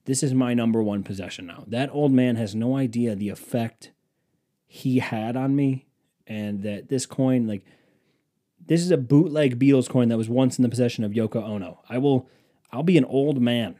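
At normal speed and medium pitch, this mellow-voiced man in his twenties vlogs from inside a museum exhibit. He wanders through a long casual story for his phone camera, cursing and mocking himself as he goes.

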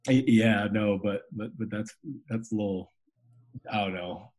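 A young man in his twenties hosts a loose, friendly conversation. His voice is low and husky. He stumbles over repeated words and drops in casual slang. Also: fairly even intonation, unhurried, a little mellow. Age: 20s. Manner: stammering restarts, slangy, laughs often. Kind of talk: casual chat.

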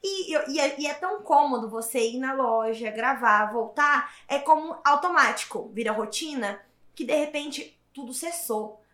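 Woman, interview guest, emphatic and animated, echoey room. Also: high voice, moderate pace. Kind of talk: casual interview storytelling. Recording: roomy echo.

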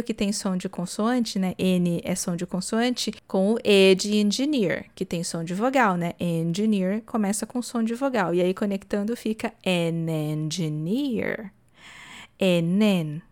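Speaking at medium pitch with a Brazilian Portuguese accent, this native Portuguese speaker from Brazil gives an English lesson on a podcast. She takes her explanations slowly and models how words are pronounced.

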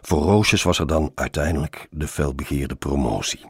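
Very deep, gravelly male storyteller. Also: normal speed, dry recording, clean studio sound. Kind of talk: first-person story reading.

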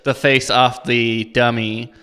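A man's voice: medium pitch, little pitch movement, takes it slowly, sharp tone, smooth, in a large hall. A man chatting casually about a sitcom, laughing often and acting out quotes.

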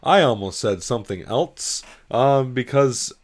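A man's voice: mid-range voice, expressive, unhurried. A man hosting a podcast, chatting in a loose, rambling way with casual swearing. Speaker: podcast host.

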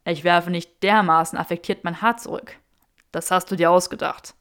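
A woman's voice: fairly low pitch, steady tone, moderate pace, a bit bright, clean tone, natural voice. Draco, a smug young wizard, voiced by a woman reader. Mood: wry. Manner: dry, mocking banter.

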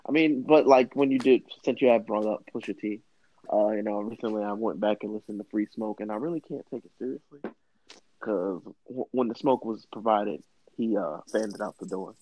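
Man, podcast co-host, laid-back, joking, low voice, faint hiss. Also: fairly quick, dark tone, poor audio. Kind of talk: casual hip hop debate.

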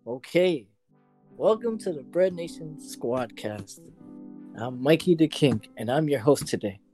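A young man hosting a casual group podcast, teasing his friends loudly and cursing as he laughs. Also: on the high side, animated, measured pace, faint music behind. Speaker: podcast host.

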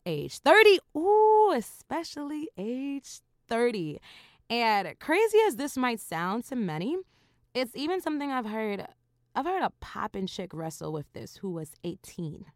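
Woman, 30s, podcast host, low-ish voice that swings widely, swears and laughs freely, dry close mic. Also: no echo. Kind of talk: casual solo podcast monologue.

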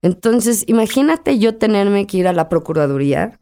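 A woman's voice: medium pitch, big pitch swings, normal speed, warm tone. Candid Mexican woman, middle-aged. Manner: emotional, tells her story by acting out dialogue. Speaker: interview guest. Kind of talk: candid personal interview.

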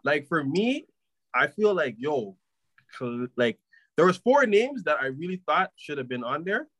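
A man's voice: on the high side, very animated, a little slow, fairly bright tone, dry recording. A young man. He gives slangy, opinionated sports takes in casual banter, recorded dry and close. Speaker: sports podcast panelist.

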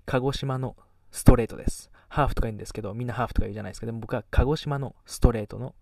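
Rapid-fire and a little mellow with vocal fry, this medium-pitched voice belongs to a teenage podcast host from Kagoshima, Japan, who has a light Kagoshima accent. Recorded from a distance without room sound, he chats casually, rambling, putting himself down, and losing his thread mid-thought.

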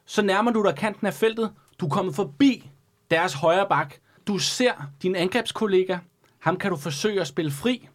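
Brief: male co-host, fairly high voice, describes the match like a commentator. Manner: sportscaster-like scene-setting. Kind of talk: play-by-play game narration.

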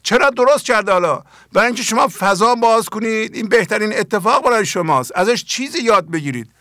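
A man's voice: high voice, lively intonation, sharp tone, no echo, clean studio sound. An older man, a spiritual teacher hosting his own program, giving an earnest talk on poetry and asking his listeners many pointed questions.

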